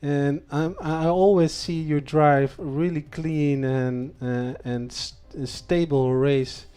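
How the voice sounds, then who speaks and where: A man hosting a live racing league stream, talking with many fillers and stumbles, sometimes shouting drivers' names. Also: on the high side, steady tone, slow pace, clean tone. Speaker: race league host. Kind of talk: live post-race chat.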